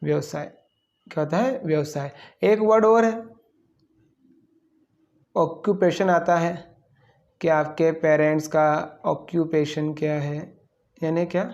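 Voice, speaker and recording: A man's voice: on the high side, fairly even intonation, takes it slowly, long pauses, darkish tone. Man teaching in a dull lo-fi recording. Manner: asks a question, then answers it himself; playful asides between words. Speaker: English teacher. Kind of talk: online class lesson.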